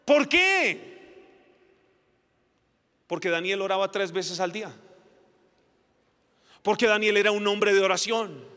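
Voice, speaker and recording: Male pastor, high bright voice, impassioned sermon, echoing hall. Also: lively intonation, slow, pauses often, clear, resonant tone. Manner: impassioned preaching, rising to shouts. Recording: reverberant hall.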